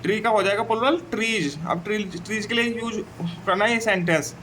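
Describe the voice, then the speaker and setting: A man with a Hindi accent teaching an English textbook lesson, repeating "theek hai" and reading English sentences slowly before translating them. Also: sits high, sharp tone, a little hiss or hum, rough recording. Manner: slow and repetitive, says "theek hai" often.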